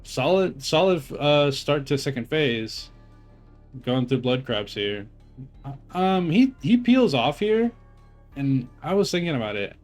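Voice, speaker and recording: A man's voice: fairly high pitch, very animated, a little slow, faint music behind. A young man casually commenting on his own gameplay footage, rambling and cursing, with lots of filler words, self-corrections and a slightly phlegmy throat. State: phlegmy, clearing his throat while eating. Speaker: gamer reviewing his own raid footage.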